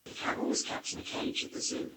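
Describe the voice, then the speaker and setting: A woman reading a test sentence, processed into a hissy, toneless noise-vocoded sound like a cochlear implant simulation, played over loudspeakers. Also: fairly quick. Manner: flat, toneless, no voiced pitch. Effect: noise-vocoded, hissy and whisper-like like a cochlear implant simulation. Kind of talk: single read test sentence. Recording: played over room speakers, heard from afar.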